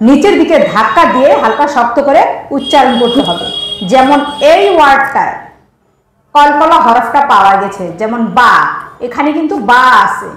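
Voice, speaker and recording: Woman teacher who drills a pupil on recitation rules, high and animated, in a roomy space. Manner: explains step by step, repeating examples slowly. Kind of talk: teaching lesson, questioning a pupil.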